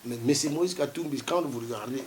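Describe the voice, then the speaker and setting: This man, also a studio guest from the Democratic Republic of the Congo, keeps the floor in a heated TV talk show debate by insisting and saying things again. He talks a little fast at medium pitch, and a faint hiss or hum sits under the recording.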